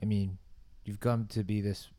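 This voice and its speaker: Low-voiced male podcast host. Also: level tone, moderate pace, warm tone. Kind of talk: casual interview questions.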